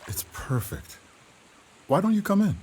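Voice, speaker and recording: In a period audio drama, an actor plays a gentle, forthright castaway in love, delivering his lines in a measured, sincere way. His voice sits high and is very animated, with a playful mood, over a noisy background.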